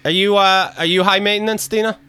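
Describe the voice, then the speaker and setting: A man's voice: high-pitched, fairly even intonation, quick pace, pushed and bright, clear, resonant tone. A man hosting a casual chat show, reading listener emails with frequent fillers and laughs. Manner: chatty, laughs often, hesitant fillers. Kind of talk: casual radio-style chat.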